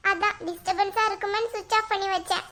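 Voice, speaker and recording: A woman's voice: extremely high pitch, steady tone, quick pace, pushed and bright. A woman voicing a weepy, guilt-stricken young wife in a cartoon, talking in a tearful, pleading way. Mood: guilt-ridden. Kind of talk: cartoon voice acting.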